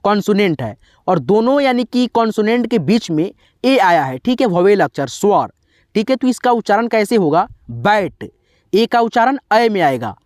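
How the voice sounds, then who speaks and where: A man's voice: sits high, a little mellow, no echo, studio quality. A man, teaching English pronunciation rules as a channel host. He often repeats himself and answers his own questions. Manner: repetitive, asks and answers his own questions, frequent "theek hai". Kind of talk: classroom explanation.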